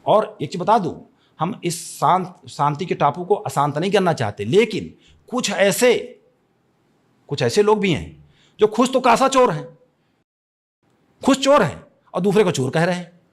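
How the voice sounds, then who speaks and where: A man's voice: high-pitched, sing-song, unhurried. A man from Chhattisgarh giving a podcast interview, speaking in an impassioned, declamatory way, repeating phrases and restarting often. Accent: Chhattisgarh Hindi. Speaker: interview guest.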